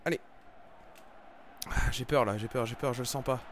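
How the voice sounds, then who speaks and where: A young man giving live commentary over his football video game, with excitable, frustrated outbursts about his bad luck. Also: medium pitch, normal speed, a little hiss or hum. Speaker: gaming YouTuber. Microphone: desk microphone.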